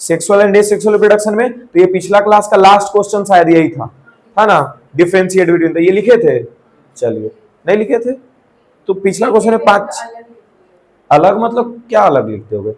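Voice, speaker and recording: A young male teacher with a fairly high voice leads a live class. He poses questions and answers them himself, drops English terms into his explanations, and keeps checking that his students follow. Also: animated, moderate pace, rough recording. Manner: mixes English terms into Hindi.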